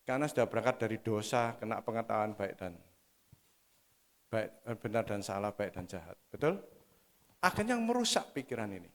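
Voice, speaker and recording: A man preaching a sermon, calling the congregation "saudara" and swinging between soft, low asides and loud, emphatic exhortation. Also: expressive, brisk, long pauses.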